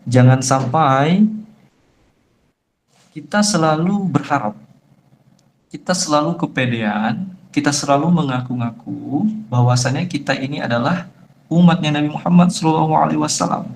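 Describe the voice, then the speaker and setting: A man's voice: a little high, moderate pace, pauses often. A young man with a Sumatran, Palembang-tinged Indonesian accent, an ustadz giving a chatty, firm Islamic lecture to friends in an online session over a phone call. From Jambi, Sumatra. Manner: chatty, addresses listeners as friends, firm emphatic tone. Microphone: phone on a video call.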